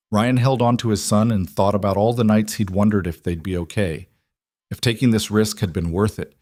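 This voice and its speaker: A man narrates a story in a calm, even storytelling voice, pitched a little low. The sound is dry and close, with no room around it. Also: no echo. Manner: calm storytelling, reading every part in one steady voice. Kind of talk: scripted narration.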